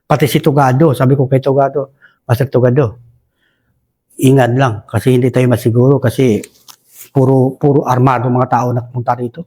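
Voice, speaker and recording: Rambling soldier from Basilan, deferential. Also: male voice, mid-range voice, level tone, a little fast, pauses often, warm tone. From Basilan, Philippines. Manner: respectful, says "Sir" constantly, rambling with restarts. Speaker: retired soldier guest. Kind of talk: casual war storytelling.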